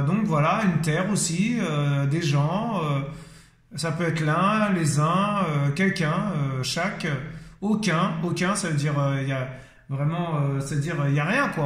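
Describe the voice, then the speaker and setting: A man's voice: fairly high pitch, a little slow. A man teaching an informal Bible word study, enthusiastic and full of exclamations of praise, often hesitating with fillers. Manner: hesitant, many fillers and restarts. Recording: echoey room.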